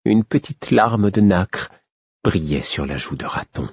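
A man narrating a first-person audiobook in a slow, grave, weary way. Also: fairly low pitch, expressive, breathy edge, no echo, muffled recording.

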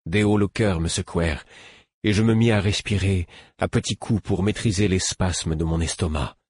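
Deep, husky male audiobook narrator. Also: normal speed, a little mellow, no echo, clean studio sound. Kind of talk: first-person novel narration.

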